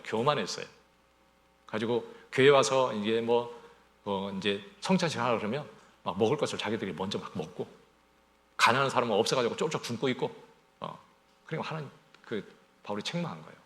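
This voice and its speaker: Animated preaching man, lively pitch. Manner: animated preaching, rhetorical questions to the congregation. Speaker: pastor. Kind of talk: sermon.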